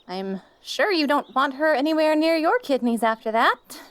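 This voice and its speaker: High-pitched, jealous, sweet-talking catgirl. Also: sing-song, normal speed, fairly bright tone. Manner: jealous, bickering, cutesy sweet-talk to a lover. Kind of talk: audio role-play acting.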